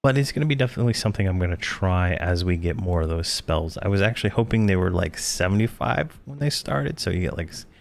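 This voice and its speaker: A man's voice: sits low, expressive, fast talker, gravelly, few pauses, a little hiss or hum. A man giving casual gameplay commentary, thinking aloud with many fillers, tired and yawning. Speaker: game guide creator.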